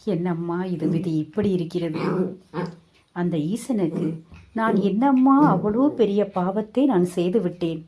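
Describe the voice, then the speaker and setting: A woman's voice: fairly low pitch, measured pace, warm tone, slight background noise, close to an everyday voice. A woman voicing a wronged mother who bitterly questions and grieves over her hard life. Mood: anguished. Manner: pleading, anguished questioning.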